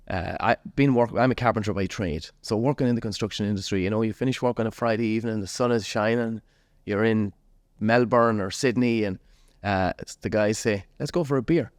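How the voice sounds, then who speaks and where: A man's voice: on the low side, steady tone, normal speed, dry recording, clean studio sound. A man of forty with a West of Ireland accent, telling his story casually as an interview guest. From Galway, west of Ireland.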